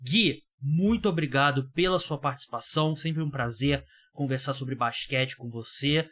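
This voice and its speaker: A man's voice: medium pitch, normal speed, a bit bright. A Brazilian man hosting a sports podcast, chatting casually with lots of fillers and the odd swear word. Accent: Brazilian Portuguese. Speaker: podcast host.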